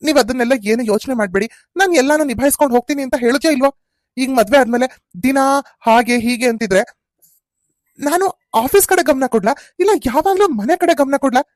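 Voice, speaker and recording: A woman's voice: high voice, expressive, fast, dry recording, studio quality. A woman playing a defensive young husband. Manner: defensive, arguing. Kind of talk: cartoon serial voice acting.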